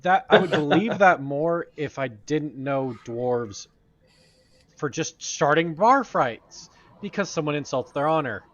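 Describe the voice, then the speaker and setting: Slow-talking disdainful tabletop player man. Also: fairly high pitch, expressive, fairly bright tone, no echo. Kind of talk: in-character tabletop chat. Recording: dull lo-fi with faint music.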